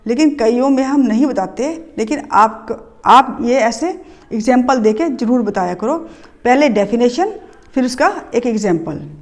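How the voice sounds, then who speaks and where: Slow, high-voiced Hindi teacher woman. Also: a little mellow. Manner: slow, patient, explaining step by step with examples; mixes English words into Hindi. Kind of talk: classroom grammar lesson.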